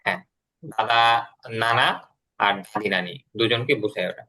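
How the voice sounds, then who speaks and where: Bright-voiced teacher explaining patiently. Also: male voice, lowish voice, normal speed, slightly rough. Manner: explains patiently, repeating words and translations. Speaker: English teacher. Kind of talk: classroom lesson.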